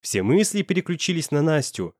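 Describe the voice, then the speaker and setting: Man reading a story with lively intonation. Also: on the high side, a little fast, dry recording, clean studio sound. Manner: expressive reading that acts out every character. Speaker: audiobook reader. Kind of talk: dramatic story narration.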